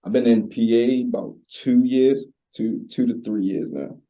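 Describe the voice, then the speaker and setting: In a rough recording, a twenty-something man from Baltimore, USA talks unhurriedly in a medium-pitched voice with a dark tone. He's an interview guest and recording artist, keeping the casual chat slangy and laid-back.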